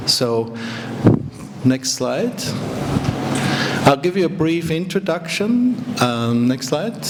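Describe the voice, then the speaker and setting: A middle-aged man from Austria, a native German speaker with an Austrian accent, giving a university guest lecture, explaining carefully with fillers and restarts. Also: medium pitch. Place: lecture hall. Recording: lecture hall reverb, background noise.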